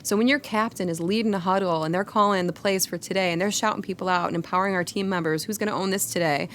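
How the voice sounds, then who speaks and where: A woman's voice: medium pitch, fairly even intonation, quick pace, a bit bright, slight background noise. A woman guest on a company podcast, talking upbeat and casual and laughing often. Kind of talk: casual interview talk.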